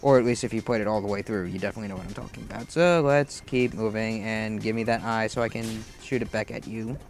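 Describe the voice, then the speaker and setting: A man giving casual let's play commentary over gameplay, rambling through tangents and game trivia, with sudden excited outbursts at the screen. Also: lowish voice, quick pace, soft background music. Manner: bursts of excited shouting at the game.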